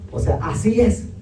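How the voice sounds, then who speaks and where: A warm-toned pastor teaches a call-and-response Bible class in a church meeting room, his voice far from the mic in an echoey space with slight background noise. He has listeners repeat words back and tags his lines with "¿verdad?" and "amén."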